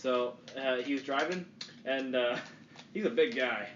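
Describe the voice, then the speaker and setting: A man's voice: medium pitch, a little slow. Young man chatting from across a roomy space. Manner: rambling, laughs often while telling stories. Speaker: podcast co-host. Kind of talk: casual chat. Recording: roomy, distant, muffled with background noise.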